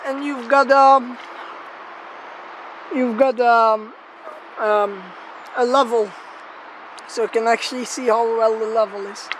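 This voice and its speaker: With a fairly high voice and even intonation, the gear tester speaks slowly and pauses often as she chats through her megaphone test. The vlog is informal, sweary, and self-deprecating, recorded noisily in an open spot beside a road.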